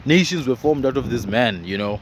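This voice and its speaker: A man's voice: mid-range voice, lively intonation, brisk. A man giving a casual motivational monologue, earnest and rambling, repeating words as he goes. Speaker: motivational vlogger. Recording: loud wind and boat noise outdoors.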